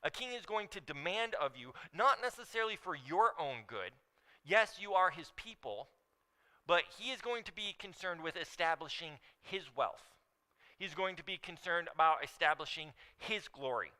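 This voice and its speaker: Male pastor, sermon in a church, ringing bright tone, smooth and clear, emphatic teacher. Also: fairly high pitch, expressive, moderate pace, rough recording. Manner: emphatic, stresses key words while teaching. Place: church sanctuary.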